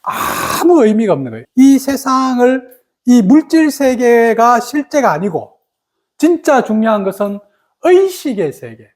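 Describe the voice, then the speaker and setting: A middle-aged woman gives a meditation dharma talk. Her pitch swings widely as she tells stories and mimics her own past grievances in lively bursts. She sounds like a seasoned teacher speaking plainly to listeners. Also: measured pace.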